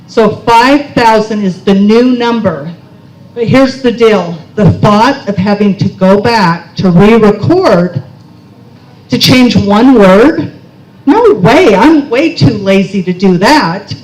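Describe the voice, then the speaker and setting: A middle-aged woman speaks at a conference, telling a personal story in a chatty, self-mocking way. She keeps checking in with the audience by asking "okay?". Her voice sits at a middle pitch and echoes around a roomy hall. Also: slow, a little mellow.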